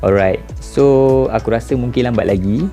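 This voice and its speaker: A man in his mid-twenties speaks with a Malaysian Malay accent in a relaxed, informal monologue. He puts rhetorical questions straight to his viewers. His voice is dark and mellow, at a middle pitch, with soft music playing faintly underneath. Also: moderate pace. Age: 20s. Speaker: vlogger. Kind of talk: casual reflective monologue to camera.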